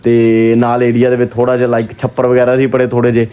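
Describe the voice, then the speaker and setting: A man with a Pakistani Punjabi accent chatting casually to his vlog viewers, expressive and often repeating himself. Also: mid-range voice, fast talker, a little hiss or hum. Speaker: vlogger.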